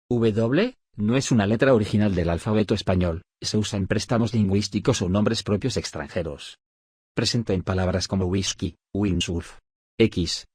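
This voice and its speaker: A man reading spelling rules aloud as a scripted study audiobook, in a measured, list-like dictation with pauses. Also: deep voice, a little mellow, breathy edge, no echo, clean studio sound. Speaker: audiobook narrator of a study syllabus.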